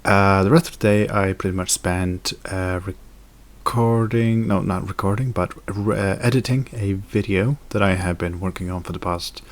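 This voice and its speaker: A man's voice: low-pitched, steady tone, normal speed, hardly any pauses. A young man chatting casually in a daily vlog, rambling with fillers and self-corrections. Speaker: video blogger.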